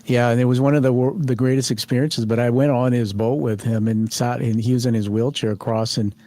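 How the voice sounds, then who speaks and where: A man's voice: mid-range voice, fairly even intonation, fairly quick, dark tone, dry recording, clean studio sound. Friendly rambling male podcast host. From Canada. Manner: friendly, rambling, laughs easily. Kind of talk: conversational interview. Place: studio.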